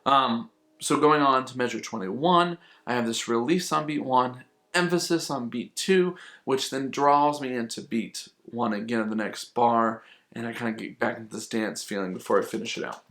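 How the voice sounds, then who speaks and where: A man's voice: medium pitch, normal speed, a bit bright. Patient man teaching flute technique. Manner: patient, explains and repeats points for emphasis. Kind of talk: instructional explanation.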